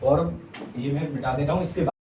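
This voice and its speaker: A man with a fairly high voice teaches a class, asking his students questions and then answering them himself. He keeps checking in after each point. He is heard from a distance in an echoey room, with a faint hum underneath. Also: steady tone, a little fast, dark tone. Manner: uses "theek hai" constantly as a check-in. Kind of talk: classroom lesson on Hindi vowels.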